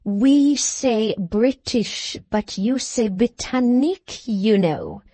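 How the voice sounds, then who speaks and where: A woman doing a pompous condescending Englishman, slow deliberate speech, mellow tone, dry audio. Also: a little high, animated, no room sound, pitched above the performer's own voice, exaggerated voice. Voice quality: pompous, over-slow and over-explaining.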